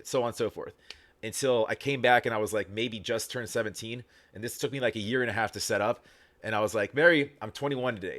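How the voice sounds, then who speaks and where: A man's voice: fairly low pitch, fairly bright tone. A man talks through a reaction video in loose, rambling sentences. He trips over restarts, leans on fillers and swears offhandedly as he goes. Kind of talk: casual reaction commentary.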